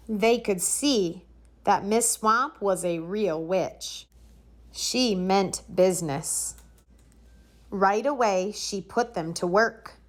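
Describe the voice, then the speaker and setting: Slow-paced woman reading a children's story. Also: mid-range voice. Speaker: storybook reader. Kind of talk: children's story read aloud.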